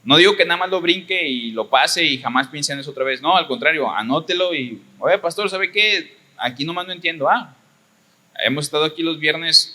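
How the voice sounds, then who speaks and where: A young man from Mexico, teaching a church Bible study in a relaxed storytelling way. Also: medium pitch. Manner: conversational storytelling with quoted exchanges.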